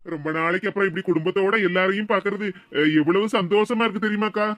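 A woman voicing a humble, apologetic younger man of the family in an animated cartoon, speaking a southern Tamil Tirunelveli-Kanyakumari dialect in a deferential way. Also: mid-range voice, quick pace, dry recording, natural voice.

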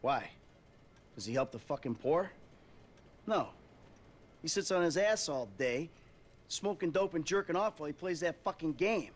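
A man's voice: on the high side, animated, moderate pace, long pauses. A man voicing a jaded middle-aged ex-robber in a game cutscene, bitter and sarcastic, swearing often. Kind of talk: video game cutscene acting.

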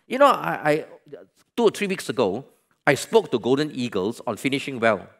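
A man preaching a sermon as pastor, with a Malaysian English accent. He swings from loud exclamations to hushed near-whispers, repeats his points and asks the congregation questions. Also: mid-range voice, sing-song, normal speed, vocal fry.

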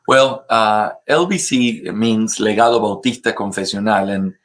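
A man from Ecuador, a native Spanish speaker with an Ecuadorian Spanish accent, speaking as a pastor and guest in an interview, with halting phrasing and frequent fillers. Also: fairly low pitch, fairly bright tone. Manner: halting, many pauses and fillers. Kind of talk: interview conversation.

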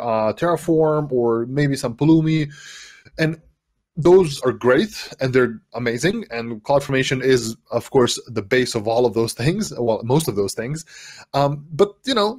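A man in his thirties from Serbia, giving an energetic online workshop talk on a headset mic from a room at home, full of fillers and rhetorical "right?"s. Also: mid-range voice. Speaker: developer advocate giving a workshop.

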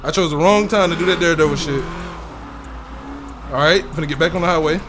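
A young man giving excitable, laugh-filled live commentary on his gameplay as a streamer, swearing often. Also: fairly high pitch, fast, noisy background. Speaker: gaming streamer.

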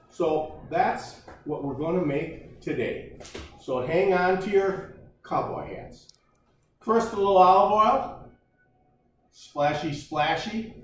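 An older man whose voice is a little high cooks and chats in a large kitchen for a casual home cooking show, folksy and full of jokes. Recorded by a camera at a distance, his voice comes from off-mic in the echoey space, with a little hiss or hum.

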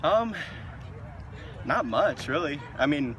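A young man, a college soccer player, answering reporters after a game outdoors at a stadium field in a relaxed way. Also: a little high, slow pace, crowd noise. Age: young adult. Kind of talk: post-game media interview. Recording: outdoor noise, traffic behind.

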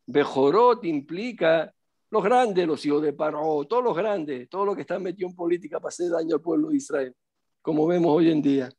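A middle-aged man gives a religious lesson as a rabbi, his voice sitting a little higher than most men's. He preaches emphatically, pressing his points with rhetorical questions. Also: brisk, a little mellow. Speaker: rabbi teaching.

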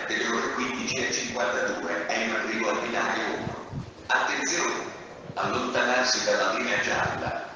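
A man's recorded voice giving train station loudspeaker announcements in measured, formal, evenly spaced phrases. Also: fairly low pitch. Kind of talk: recorded public address announcements. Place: railway station platform, outdoors. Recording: echoey station hall, far from loudspeaker, loud noise.

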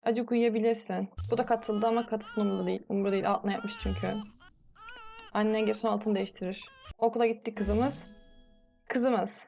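Gravelly-voiced woman narrating her gameplay. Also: mid-range voice, fairly even intonation, normal speed, mellow, faint music behind. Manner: chatty, scolding the game characters. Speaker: gameplay commentator. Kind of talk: casual let's-play commentary.

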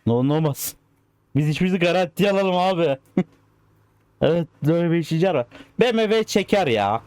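Excitable young-sounding man narrating a driving game. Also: a little high, brisk, smooth, no echo. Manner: excitable, coaxing the cars like pets. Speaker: gaming channel host. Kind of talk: casual gameplay commentary.

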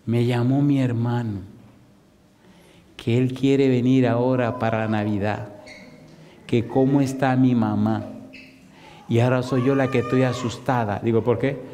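A man's voice: measured pace, long pauses. A male pastor preaching a storytelling sermon, animatedly acting out the people he quotes. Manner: animated, acts out quoted voices with rising pitch. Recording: long hall reverb.

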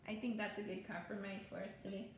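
A woman music therapist leading a sung lesson for children, cheerful and gentle as she sings and talks to the kids. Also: mid-range voice, level tone, fast, noisy background. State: voice tiring from singing. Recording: very echoey room with guitar.

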